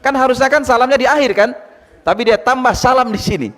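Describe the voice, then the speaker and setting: A male Islamic teacher giving a lively study lecture, quizzing his listeners and retelling anecdotes. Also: extremely high pitch, quick pace. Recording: long hall reverb.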